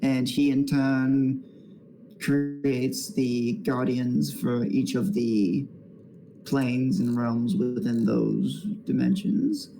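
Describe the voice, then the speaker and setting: Slow, formal island queen with a dark, gravelly voice, put on by a male game master. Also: medium pitch, flat delivery, soft background music, poor audio. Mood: measured. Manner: formal, measured, hesitant. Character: formal, measured queen of a dragon isle.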